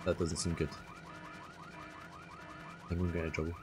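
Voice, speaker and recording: A man's voice: deep voice, flat delivery, normal speed, background noise. A man with a Scottish accent giving casual live gameplay commentary and chatting to his viewers. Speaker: game streamer.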